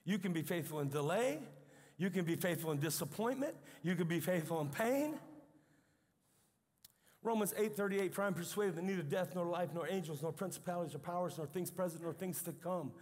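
An older man preaching a sermon as pastor, telling stories in an animated way with emphatic outbursts. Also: sits high, brisk. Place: church sanctuary. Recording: long reverb of a large hall.

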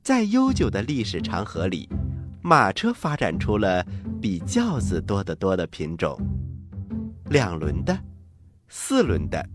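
Male children's host and narrator: expressive, avuncular, lower-pitched, music underneath. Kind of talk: animated scripted children's storytelling.

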